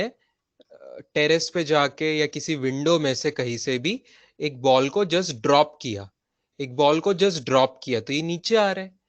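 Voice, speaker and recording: A man's voice: a little high, dry recording. A man with an Indian accent teaching a physics lesson online, repeating key phrases and checking with his students as he goes. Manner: mixes Hindi and English.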